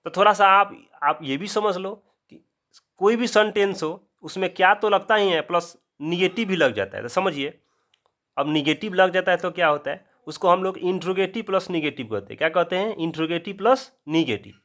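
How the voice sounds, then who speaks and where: A man with a Bihari accent giving an English grammar lesson in casual classroom style. He asks the viewer a question, answers it himself, and slows down to spell things out. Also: sits high, animated, a bit bright. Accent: Bihari Hindi. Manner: drawn-out, spelled-out explanations. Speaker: English teacher.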